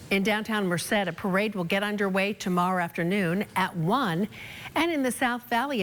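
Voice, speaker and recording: An American woman works as a television news anchor. She reads scripted news items in a medium-pitched voice, in the manner of a local broadcast. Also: a bit bright.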